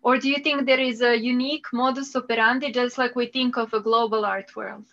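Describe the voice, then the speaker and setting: A woman with a Serbian accent, speaking English as a second language, moderating a conference talk in a thoughtful, halting way. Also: on the high side, steady tone, a bit bright, dull audio. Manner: thoughtful, halting, repeats words.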